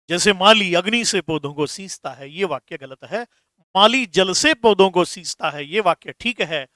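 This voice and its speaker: High-voiced, slow-talking male teacher. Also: a bit bright, dry recording. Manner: explains slowly, repeats terms, calls students "beta". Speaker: Hindi grammar teacher. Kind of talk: classroom lesson.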